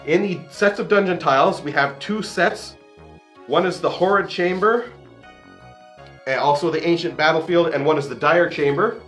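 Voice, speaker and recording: A man's voice: on the high side, normal speed, fairly bright tone, faint music behind. A man hosting a board game review, reading out rules and explaining them in his own words.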